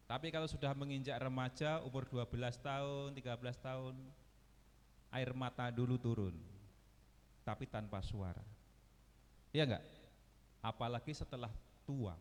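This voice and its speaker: A male pastor delivers a sermon in a high, unhurried voice, rising loud and dropping low as he asks his listeners questions. The sound carries the long reverb of a church hall. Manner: preaching with sweeping swings of pitch and volume, asking the congregation questions.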